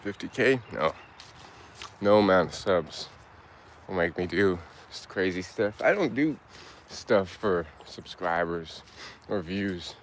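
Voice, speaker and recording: A young Turkish man walks through the woods while live-streaming, chatting in a relaxed, easygoing way and answering viewer comments with halting restarts. His voice is deep, and there is slight background noise.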